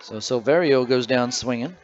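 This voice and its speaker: A man announcing a baseball game play-by-play, reading stats and scores between pitches in a conversational way. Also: normal speed, darkish tone, highs cut off, a faint crowd. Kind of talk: radio baseball commentary.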